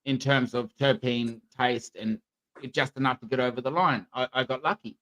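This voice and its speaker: A man's voice: mid-range voice, steady tone, moderate pace, a bit bright, poor audio. A man hosting a livestream in a casual, chatty style. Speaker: livestream channel host. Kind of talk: casual chat. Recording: faint background noise on livestream.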